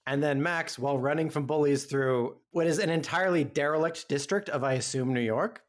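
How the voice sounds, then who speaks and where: Male podcast co-host, slightly higher voice, wry, laughs a lot. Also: a little fast. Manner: wry, laughs often, sums up plot. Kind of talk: casual movie chat.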